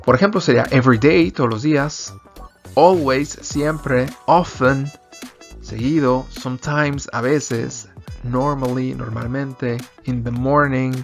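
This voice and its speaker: A man's voice: mid-range voice, steady tone, takes it slowly, vocal fry, faint music behind. A man teaching an English lesson in Spanish, explaining grammar patiently and repeating example sentences in both languages.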